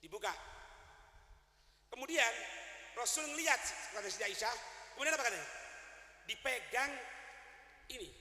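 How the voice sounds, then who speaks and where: A male preacher with an East Javanese accent telling a story in a sermon, lively and questioning his audience. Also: very high-pitched, normal speed, long pauses. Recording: echoey hall with long reverb.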